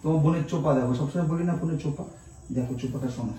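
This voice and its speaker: Casting: male comedic husband, teasing, quick delivery, roomy noisy home recording. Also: fairly high pitch, dark tone, distant mic. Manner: teasing, mock-indignant. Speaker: husband pulling a prank. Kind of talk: scripted comedy prank skit.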